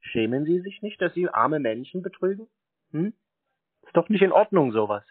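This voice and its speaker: On a narrow, phone-like line, a prank-calling scam baiter argues with a caller, needling him stubbornly and repeating himself to bait him. His husky voice is slightly high, swings widely in pitch and moves at a normal speed, with no room sound.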